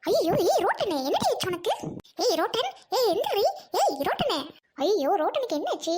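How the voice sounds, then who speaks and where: Brief: woman as a soothing, loyal young friend, Trichy Tamil accent, very high voice. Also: expressive, normal speed, a little hiss or hum. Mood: panicked. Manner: gentle, reassuring, repeats friend's name. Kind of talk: comedy skit acting.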